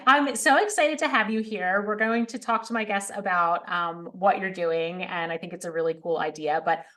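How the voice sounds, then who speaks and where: A middle-aged woman hosts an interview over a video call, speaking with eager enthusiasm. Her pitch sits in the middle range, and she laughs lightly between phrases. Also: normal speed, fairly bright tone. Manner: enthusiastic, giggly, with um fillers. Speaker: podcast host. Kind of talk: casual interview chat on a call.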